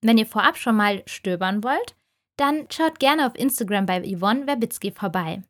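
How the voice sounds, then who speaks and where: A woman hosting a book podcast, reading a novel excerpt aloud in a steady, clear way. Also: a little high, moderate pace. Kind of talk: audiobook reading and podcast outro.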